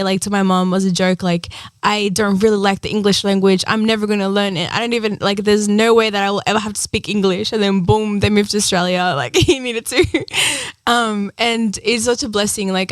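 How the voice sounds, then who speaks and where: A woman's voice: mid-range voice, fairly even intonation, fairly quick, dry recording. A young woman from Ecuador, a singer-songwriter guest, talking earnestly in a casual interview with lots of fillers. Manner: chatty, earnest, many "like" and "um" fillers.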